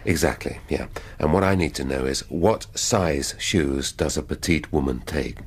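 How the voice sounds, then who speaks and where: An actor playing a middle-aged English police inspector in a radio drama, wry, pedantic and a little hesitant. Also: male voice, rumbling low, normal speed, husky, full character voice. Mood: awkward, coaxing. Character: male police inspector in hospital, wry, pedantic, distracted, flirtatious.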